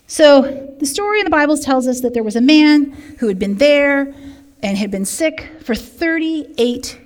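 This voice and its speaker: A woman leading a recovery group, teaching in a lively way and speaking directly to the room with humor. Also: fairly high pitch. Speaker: recovery program leader. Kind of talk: sermon teaching. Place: church meeting room. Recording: long hall reverb.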